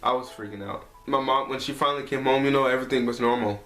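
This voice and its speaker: Talking fast in a medium-pitched, fairly bright voice with fairly even intonation, a young male vlogger shares a personal story to camera in a casual, heartfelt way. Expect lots of "like" and "you know." He's indoors at his apartment, in an echoey room with faint music behind.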